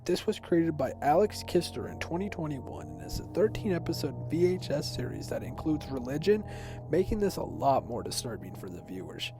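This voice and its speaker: He's a young man, teens to young adult, giving semi-scripted narration for an explainer video essay in an easygoing, personal way. His somewhat high voice has a sing-song lilt at normal speed, and music plays in the background.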